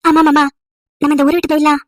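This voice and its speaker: A woman's voice: high-pitched, flat delivery, fast talker, no echo. A woman storyteller voicing a sad, devoted young wife who pleads earnestly and tenderly. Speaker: storyteller voicing all parts.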